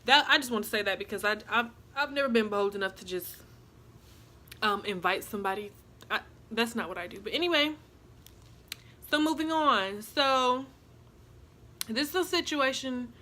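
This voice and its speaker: A young adult woman vlogger telling a story in a chatty, animated way, with asides to her viewers. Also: fairly high pitch, moderate pace, long pauses. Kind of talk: casual storytime.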